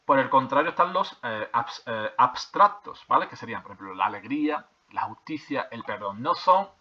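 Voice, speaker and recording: A male teacher explains grammar rules to his class, repeating each point and checking in after almost every sentence. His voice sits at an ordinary middle pitch. The recording sounds slightly dull and lo-fi. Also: expressive, moderate pace. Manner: repeats points, checks with frequent "¿vale?" and "¿de acuerdo?"; hesitant with fillers and restarts while reading from a textbook. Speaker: primary school teacher.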